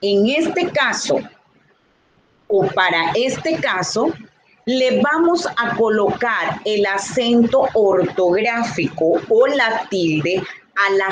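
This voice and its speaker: A woman teaching a Spanish grammar lesson, talking slowly and deliberately and repeating key points. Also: medium pitch, background noise. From Dominican Republic.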